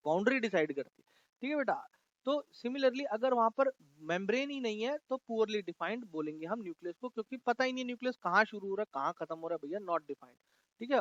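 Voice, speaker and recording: High-voiced male teacher. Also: no room sound, muffled recording. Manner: chatty, addresses students as beta; reads English textbook lines slowly. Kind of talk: classroom lesson.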